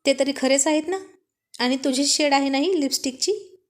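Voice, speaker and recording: A woman voicing a playful, mischievous young husband in a spoken story, with a slow, teasing delivery. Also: high voice, natural voice.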